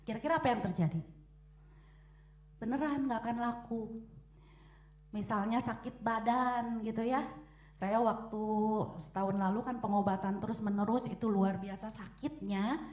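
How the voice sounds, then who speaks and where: Lively high-voiced woman preaching. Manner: lively, acts out quotes and echoes. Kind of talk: sermon. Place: church hall.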